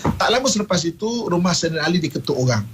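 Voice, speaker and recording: A man with a Malaysian Malay accent giving a radio religious talk, telling stories with lively acted-out quotes. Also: sits high, fast, slight background noise, low-quality recording. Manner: animated storyteller, acts out quotes, laughs often.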